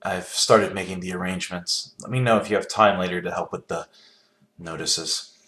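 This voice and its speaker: A man acting an intense, anxious, stubbornly logical scientist in a video game, speaking in a halting, emphatic way. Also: sits low, fairly even intonation, sharp tone. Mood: subdued.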